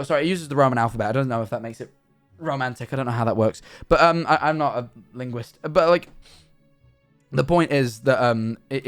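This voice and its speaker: A young man streaming live, chatting in a rambling, animated, self-mocking way. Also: medium pitch. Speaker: livestreamer. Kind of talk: casual stream chat.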